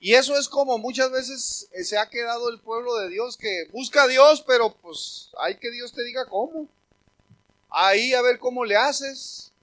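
A man preaching a sermon as pastor, telling humorous stories and swinging from quiet asides to loud calls. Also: extremely high pitch, normal speed, hardly any pauses.

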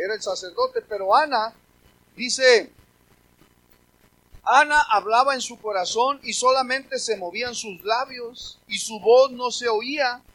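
A man's voice: very high-pitched, pushed and bright, low-quality recording. A man preaching a sermon, reading scripture aloud and breaking off to address the congregation with emphatic questions.

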